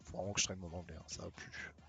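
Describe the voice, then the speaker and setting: A man from France live-streaming a mobile game, chatting casually and joking, and sometimes slipping into halting English with a heavy French accent. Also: deep voice, fairly even intonation, gravelly, pushed and bright, faint music behind. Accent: heavy French accent when speaking English.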